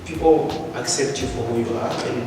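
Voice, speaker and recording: A young man in his late teens from Zambia, a student speaking thoughtfully and hesitantly, with frequent pauses. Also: medium pitch, music in the background. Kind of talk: casual Q&A chat. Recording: echoey hall from far off.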